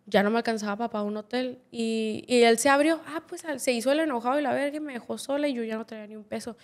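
A young Mexican woman in her twenties with a somewhat high voice, talking as a podcast guest. She tells her story candidly and bluntly, peppering every sentence with slang and curse words. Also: quick pace. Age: 20s. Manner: blunt, swears constantly, slangy.

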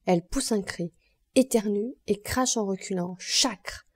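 A woman narrating an audiobook in a calm, measured reading voice. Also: medium pitch, breathy edge, no room sound, clean studio sound. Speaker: audiobook reader.

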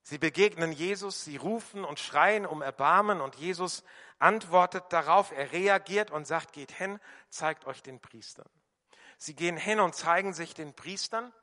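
Bright-voiced German preacher in a reverberant hall. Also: male voice, on the high side, normal speed. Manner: emphatic, varies loudness, quiet voicing of quoted prayers. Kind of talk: sermon. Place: church hall. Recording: long church reverb.

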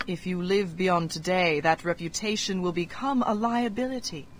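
A woman voicing an arrogant, cold female Red Wizard in a fantasy game, speaking in measured threats. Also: fairly low pitch, fairly even intonation, a little hiss or hum, natural voice. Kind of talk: game voice acting.

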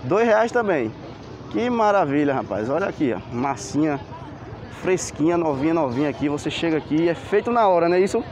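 Crowd noise surrounds a man touring a street market on camera, his handheld mic catching him as he walks. With a fairly high, brisk voice and lively intonation, he enthusiastically points out stalls and exclaims "que maravilha" in this vlog.

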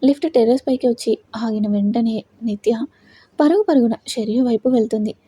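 A woman narrating an audio love story in a steady, dramatic storytelling manner. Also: fairly high pitch, brisk, husky, dry recording.

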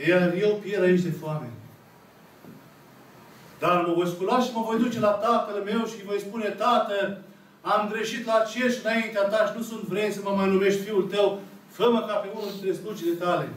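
An Orthodox priest in his thirties with a Romanian accent preaches a slow, emphatic sermon retelling a parable, pausing at length in a fairly even intonation. His voice is high for a man, and a camera at the back picks him up distantly across a small, echoey, icon-filled church where the congregation sits, with faint room noise beneath.

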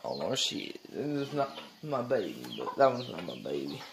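A young man talks into a phone held at arm's length, his pitch rising and falling a lot as he rambles about farm chores. He is outdoors and in an open barn, with faint birds and clucking chickens behind him. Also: very animated, normal speed, creaky, background noise. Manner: rambling, talks to the animals in a high baby voice. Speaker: farm vlogger. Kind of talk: casual farm vlog. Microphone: phone camera held at arm's length.

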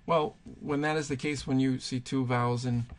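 A man's voice: mid-range voice, steady tone, moderate pace. A man teaching Spanish verb conjugations, patiently thinking aloud and pointing things out as he writes. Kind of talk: explaining grammar at a whiteboard.

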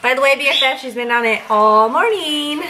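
A woman's voice: high voice, a little fast. A woman in her twenties chatting casually to her vlog camera, two days after having her wisdom teeth out. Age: 20s. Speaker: family vlogger and mother. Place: home kitchen, front yard and parked or moving car. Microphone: camera at arm's length. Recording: clear background noise, household and car hum.

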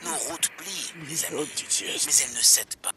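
An actor playing a defiant, conspiracy-minded radio broadcaster in a video game, preaching with emphatic folksy rhetoric. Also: male voice, a little high, moderate pace, background noise, close to an everyday voice. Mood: proud, defiant.

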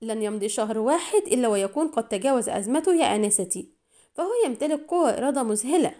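Lady reading nervous doctor guy, hesitant, higher warm voice. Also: very animated, fast talker. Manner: hesitant, hushed. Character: anxious male medical attaché, hesitant.

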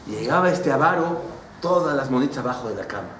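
A man, a rabbi, telling stories in a sermon to a class, animated and acting out characters. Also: mid-range voice, fast talker. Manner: animated, switches into character voices. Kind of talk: storytelling sermon. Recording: roomy hall, distant mic, faint noise.

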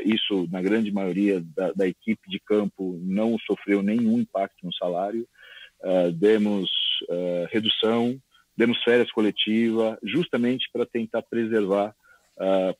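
A man's voice: fairly low pitch, darkish tone, no echo, poor audio. A man speaking earnestly as a panelist on a video call, rambling with many fillers. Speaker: panelist, company executive.

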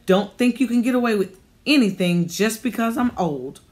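A sharp-tongued old lady of eighty-eight, as a woman reads her out in an audiobook, drawing out each clipped, scolding word slowly and loudly. Her voice sits a little higher than the reader's own low tone and carries a stern, disapproving bite. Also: lightly acted.

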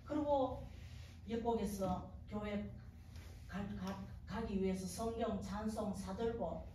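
A woman's voice: medium pitch, takes it slowly, mellow, slight background noise. A middle-aged woman giving a testimony sermon at a revival meeting, telling her story dramatically and acting out dialogue. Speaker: guest speaker at a revival meeting. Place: church sanctuary. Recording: very echoey church hall, distant.

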